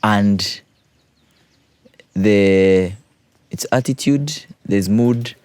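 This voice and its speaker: A man's voice: fairly low pitch, extremely slow, a little mellow, smooth, no echo. A man, a teacher patiently explaining poetry exam questions and repeating key points.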